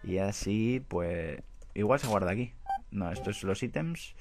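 A man's voice: lowish voice, expressive, measured pace. A man with a Spain Spanish accent chatting and joking through a game playthrough, self-mocking. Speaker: let's-play gamer. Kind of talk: casual gameplay commentary. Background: game music.

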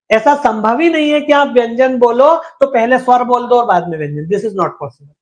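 During an exam-prep lecture on Hindi grammar, a very high-pitched man asks his own questions and then answers them. He goes over each point again and pronounces syllables one by one so students can repeat after him.

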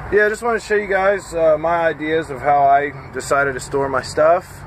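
A man in his thirties, a truck driver, chatting casually and haltingly with lots of fillers while tired and a bit scattered, filmed on a phone at arm's length in his parked cab. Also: a little high, steady tone, a little hiss or hum. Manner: rambling, halting, with frequent fillers. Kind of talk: casual vlog chat. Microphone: phone camera at arm's length.

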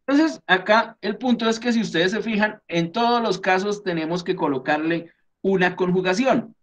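A man's voice: high voice, moderate pace, fairly bright tone. A man with a Colombian accent teaching a class, explaining things patiently step by step and often checking in with his students. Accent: Colombian Spanish.

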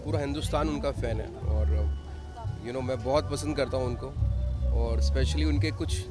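Hesitant man over loud music. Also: medium pitch, moderate pace. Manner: hesitant, with many fillers, mixing Hindi and English. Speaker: guest interviewed at an event. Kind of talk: casual interview answers.

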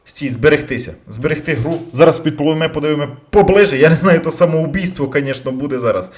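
Excitable swearing man gaming. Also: a little high. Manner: loud outbursts and heavy swearing; jumpy, rapid switches between yelling and muttering. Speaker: let's play gamer. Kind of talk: excited gameplay commentary.

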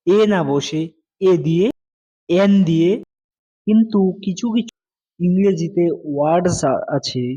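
A man's voice: fairly high pitch, dark tone, muffled recording. A male English teacher explaining grammar to students, patiently repeating key words and asking them questions.

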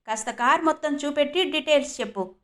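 A woman's voice: high-pitched, quick pace, pitched above the performer's own voice, lightly acted. A woman voicing a snobbish, condescending senior car saleswoman. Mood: mocking. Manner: mocking, condescending.

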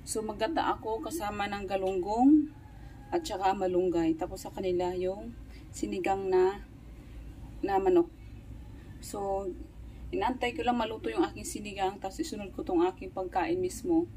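A woman's voice: mid-range voice, fairly even intonation, normal speed, long pauses, mellow, a little hiss or hum. A young mother with a Visayan accent vlogging casually from her home kitchen, chatting to the camera and slipping into sing-song baby talk with her children.

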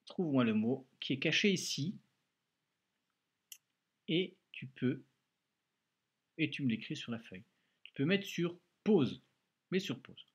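A male primary school teacher leads a recorded dictation lesson and speaks slowly and patiently to a child working at home. His voice is mid-pitched with a slight husk. He often drops in a little "hein" as he explains. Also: sing-song, husky, lo-fi sound. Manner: slow, patient, talks directly to a child, frequent "hein".

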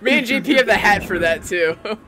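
A man hosting a casual gaming session with friends, excitable and laughing a lot, with game music underneath. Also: sits high, a little fast. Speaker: channel host playing with friends.

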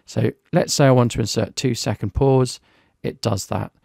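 A man giving a relaxed software review, talking through each step on screen as he clicks. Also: mid-range voice, normal speed, gravelly, dry recording, studio quality. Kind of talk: screen-recorded software walkthrough.

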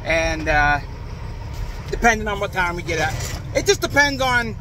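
A man in his thirties talking in a relaxed, rambling way. His voice sits a little high and sounds bright and forward. A faint hum of road and yard noise stays behind him. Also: normal speed. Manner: rambling, easygoing, plain-spoken. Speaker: truck driver vlogger. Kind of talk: casual vlog chat. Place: outdoors at a truck yard, then in a truck cab. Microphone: phone held at arm's length outdoors, headset mic in the cab.

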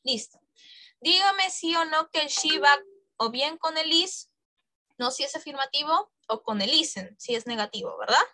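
A woman's voice: high voice, animated, normal speed, sharp tone, no room sound. A woman teaching an English exam-prep class, coaxing students and checking in with frequent questions.

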